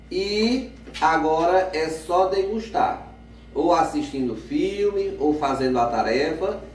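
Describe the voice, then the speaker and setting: A man's voice: on the high side, darkish tone, slight background noise. A man giving a recorded lesson to children, speaking patiently and checking in with frequent tag questions. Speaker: teacher.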